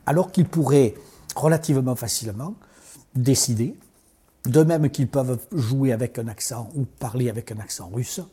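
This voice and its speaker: A man from southern France speaking in a conversational interview, reflective and animated, often restarting his sentences. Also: mid-range voice, moderate pace, husky. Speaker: interview guest.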